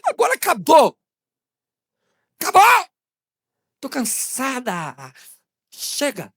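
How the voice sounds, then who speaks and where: Picture a tearful, exasperated young woman as a male preacher puts her on, her voice jumping high and loud in sharp outbursts. There is a gravelly edge under the pitch, and the sound is close and dry with no room around it. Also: huge pitch swings, a little slow, no echo, full character voice. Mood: fed up.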